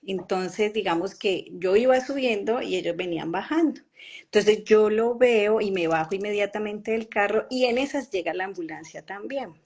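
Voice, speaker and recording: A woman with a Colombian accent giving an earnest, emotional personal testimony, halting with pauses and fillers. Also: medium pitch, darkish tone, husky.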